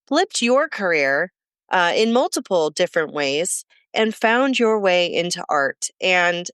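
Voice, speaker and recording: A woman's voice: medium pitch, a bit bright, clear, resonant tone, dry recording, studio quality. A woman hosting a podcast interview, upbeat and enthusiastic as she introduces her guest. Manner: upbeat, enthusiastic, quick bursts. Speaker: podcast host.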